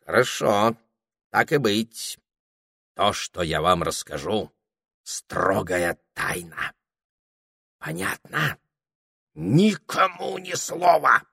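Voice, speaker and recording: A man voicing a bossy, hot-tempered and pompous male parrot who blusters and shouts, reading aloud from a storybook. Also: on the low side, sing-song, slow, vocal fry, pauses often, breathy edge, no echo, studio quality, exaggerated voice. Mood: grave, secretive. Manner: shouting, blustering, self-important.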